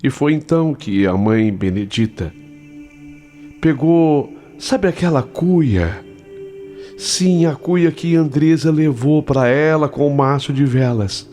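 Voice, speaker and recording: A man narrating a spoken ghost story in a slow, dramatic storytelling manner. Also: fairly high pitch, dark tone. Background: faint music.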